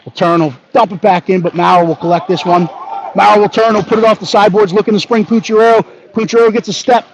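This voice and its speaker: A man giving brisk live hockey play-by-play, narrating each pass and leaning toward the home team. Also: sits high, steady tone, creaky. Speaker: play-by-play announcer. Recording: dull lo-fi audio with faint background noise.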